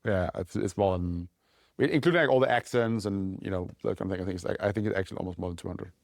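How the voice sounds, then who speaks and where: Deep and creaky, this man's voice comes from Denmark, where he founded a company, and he's answering podcast interview questions in a relaxed way. Quick, loose phrasing packed with "like" and "right?" marks his talk, recorded in a studio with no room sound.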